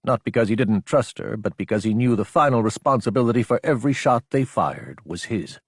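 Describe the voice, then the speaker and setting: A man with a fairly low, mid-range voice and a husky edge narrates an action audiobook. His scripted reading is deliberate, dramatic and animated. The recording is dry, with no room sound at all.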